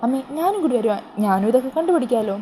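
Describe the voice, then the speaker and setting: A woman voicing a kind young woman in love who speaks softly and reassuringly. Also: a little high, animated, rapid-fire, slight background noise, lightly acted. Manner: soft, reassuring.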